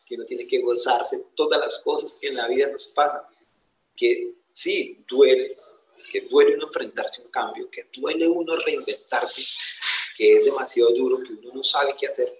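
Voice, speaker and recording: A man's voice: mid-range voice, a little hiss or hum. A young man with a Colombian accent giving a motivational personal testimony, telling his story emphatically and putting rhetorical questions to his audience. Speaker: motivational speaker. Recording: roomy echoing venue.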